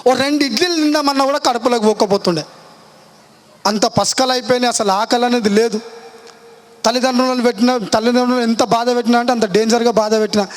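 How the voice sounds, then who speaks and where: A young man, telling his personal testimony at a church meeting in rapid, impassioned colloquial speech. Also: very high-pitched, steady tone. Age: young adult.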